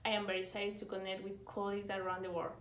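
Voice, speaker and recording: A woman's voice: mid-range voice, completely flat delivery, fast, a bit bright, slight background noise. Ecuadorian woman cardiologist in an echoey room.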